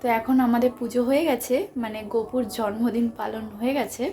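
A young Bengali woman vlogs at home, a little high in pitch, speaking quietly because her throat is sore. She chats to viewers with frequent tag questions. A faint hum sits behind her. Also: steady tone, brisk. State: sore throat, talking softly. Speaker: vlogger. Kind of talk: casual home vlog narration.

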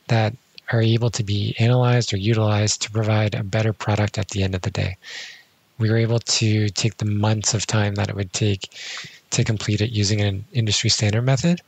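A man, a civil designer, giving measured technical answers in a podcast interview. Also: lowish voice, slightly rough, no room sound. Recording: dull dry studio sound.

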